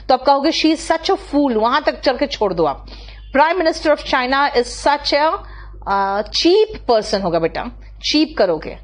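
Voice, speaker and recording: Slow-speaking Indian woman teaching English. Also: on the high side. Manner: slow, drawn-out reading of English sentences, quick in Hindi asides; praises students by name, patient corrections. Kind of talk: online class, reading out student sentences.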